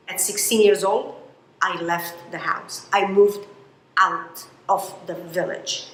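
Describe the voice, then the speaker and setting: Emphatic woman on a roomy stage. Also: mid-range voice. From Romania. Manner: emphatic, expressive storytelling. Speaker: motivational speaker. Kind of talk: motivational talk.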